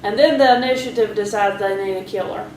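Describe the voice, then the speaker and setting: A woman's voice: medium pitch, fairly quick. A woman co-hosting a podcast, chatting casually and wryly while going through her notes. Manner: relaxed, wry, reads out her own notes. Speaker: podcast co-host. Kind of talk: casual chat. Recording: roomy echo, faint background hiss.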